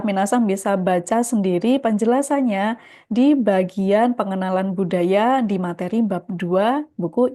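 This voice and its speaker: A woman's voice: mid-range voice, warm tone. A woman teaching a beginner Japanese lesson, patiently explaining textbook dialogues word by word and reading out Japanese phrases.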